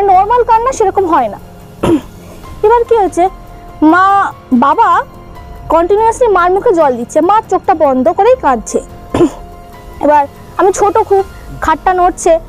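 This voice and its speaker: A young woman recounting a childhood ghost experience in a casual, hesitant way, with many fillers and restarts. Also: extremely high pitch. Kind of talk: casual spoken true ghost story.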